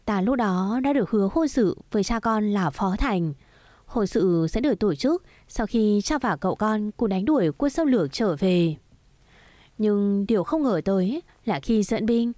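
A woman voicing a gentle grieving mother. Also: medium pitch, animated, normal speed, no echo, lightly acted. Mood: recounting. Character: grieving middle-aged mother, gentle and patient.

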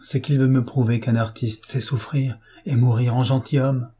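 A man's voice: medium pitch, steady tone, normal speed, warm tone, husky, close to an everyday voice. A man reading an audiobook, voicing an anguished, tearful young aristocratic wife in a pleading manner. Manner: pleading, sobbing.

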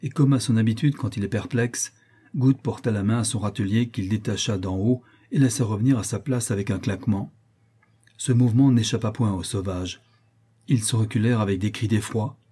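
A man narrating an adventure novel in the first person, in a steady, measured reading. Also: fairly low pitch, breathy edge. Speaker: audiobook narrator.

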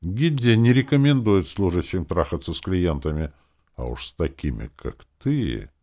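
A man's voice: deep voice, expressive, normal speed, a little mellow. A man reading an audiobook, voicing a cautious, businesslike young woman who works as a guild clerk. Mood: haggling.

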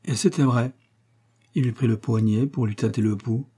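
A man narrating a comic short story in a measured, expressive audiobook reading. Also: medium pitch, breathy edge.

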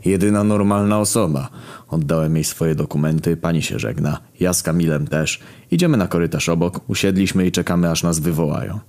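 A man with a very deep, low voice tells a rude comic tale in the first person. He keeps the narration deadpan and steady, breaking into loud outbursts now and then. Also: brisk, hardly any pauses. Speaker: storyteller.

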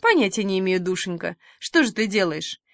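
A kindly, fussy middle-aged village woman, as a woman reader puts her on, brisk and motherly in a storybook reading. She softens her voice for endearments. The sound is dry and close, with a middling pitch. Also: sing-song, gravelly, no room sound.

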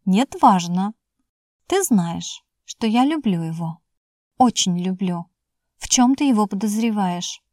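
A woman's voice: mid-range voice, lively intonation, unhurried, a little mellow, no echo, studio quality, lightly acted. A woman voicing an anxious young sister in love. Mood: insistent. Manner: emotional, pleading. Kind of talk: audiobook dialogue.

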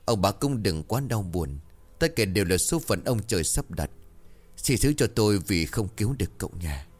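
A man putting on a gruff old midwife woman. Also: big pitch swings, moderate pace. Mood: bitter. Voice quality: shrill, scolding. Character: stern old female village midwife, gruff.

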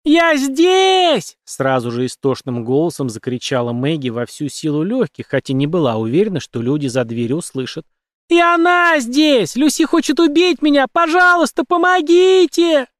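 A man voicing a terrified captive woman who pleads and cries out in a shrill, trembling voice. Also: fairly quick, few pauses, a little mellow, no echo, studio quality, close to an everyday voice. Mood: screaming.

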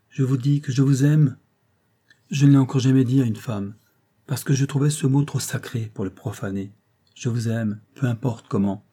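A man playing a calm, commanding young man declaring his love in earnest, authoritative tones. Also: mid-range voice, husky, lightly acted.

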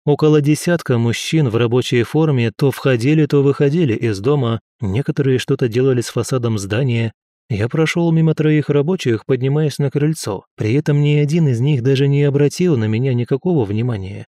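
A man reading a first-person story as an audiobook narrator in a steady, even way. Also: mid-range voice, a little fast, dry recording, clean studio sound.

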